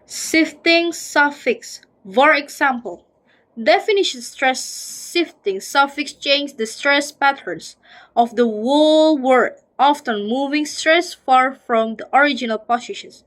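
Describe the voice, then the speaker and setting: A woman's voice: sits high, slow pace, fairly bright tone, poor audio. A woman with an Indonesian accent, a student reading a phonology exercise aloud and sounding out words syllable by syllable. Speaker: student presenter.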